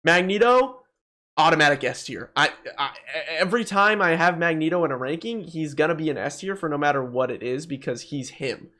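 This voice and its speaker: This young gaming host sounds bright and forceful, his voice on the high side, animated and fairly quick. He's doing casual tier-list commentary, opinionated and exclaiming, peppered with profane slang as he ranks things.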